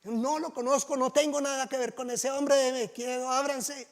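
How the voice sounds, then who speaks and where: A man's voice: very high voice, fairly even intonation, normal speed. A man preaching, voicing an impulsive, boastful male disciple in a retold scene from the sermon. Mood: angry denial. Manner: brash, then defensive and swearing.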